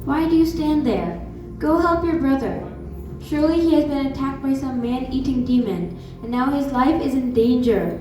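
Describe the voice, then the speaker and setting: A woman voicing a gentle pleading princess. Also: sits high, expressive, moderate pace. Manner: sweet, pleading. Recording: echoey hall from far off, music behind.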